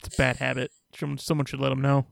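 A man's voice: medium pitch, little pitch movement, quick pace, gravelly, no room sound. A man co-hosting a podcast, making wry joking asides in casual chat. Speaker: podcast co-host.

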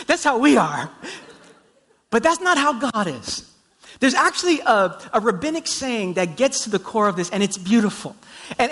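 A high-pitched male pastor in his thirties delivers a sermon with lively energy. He moves into personal anecdotes and puts on loud voices for the people in his stories. His tone is conversational but expressive. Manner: animated storytelling, acts out quoted voices loudly.

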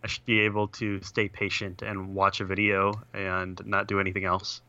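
A man's voice: sits low, completely flat delivery, moderate pace, bright, forceful tone, muffled recording, a little hiss or hum. A young man on a podcast, talking over a video call that keeps breaking up. He rambles with lots of "like" and "uh". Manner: rambling, full of "like" and "uh". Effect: video call audio that breaks up. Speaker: podcast co-host. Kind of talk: casual chat. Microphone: computer on a video call.

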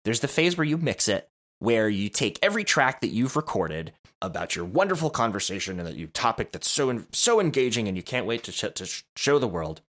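A man's voice: fairly low pitch, big pitch swings, fairly quick, a bit bright. A man co-hosting a podcast, explaining audio production in casual chat, rambling with many restarts and self-amused asides. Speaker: podcast co-host.

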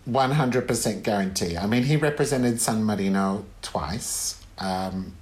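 Man, podcast guest, casual chat, rambling, halting, lots of ums and restarts. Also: fairly low pitch, a little mellow. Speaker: guest author.

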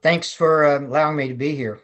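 A man over seventy from West Virginia, casually reminiscing as an interview guest in an unhurried storytelling way. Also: a little high, steady tone, a bit bright. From West Virginia, United States. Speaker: guest, retired Marine colonel.

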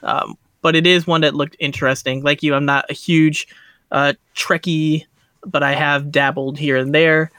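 A man co-hosting a podcast, chatting in an easygoing way with a bright, smooth, fairly high voice. He is recorded on a close, dry mic. He peppers his talk with "like.". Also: normal speed, no room sound. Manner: relaxed, easygoing, uses "like" often. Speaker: podcast co-host. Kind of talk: casual chat.

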